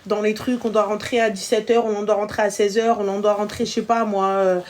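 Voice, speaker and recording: A woman's voice: medium pitch, little pitch movement, fairly quick, darkish tone. A young adult woman hosting a live stream, chatting casually with callers in a teasing, slangy, joking way.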